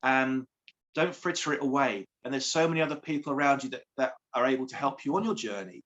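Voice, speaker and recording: A man's voice: mid-range voice, quick pace, fairly bright tone, lo-fi sound. A man, a coach speaking earnestly as an interview guest, repeating phrases for emphasis. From England. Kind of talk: heartfelt interview.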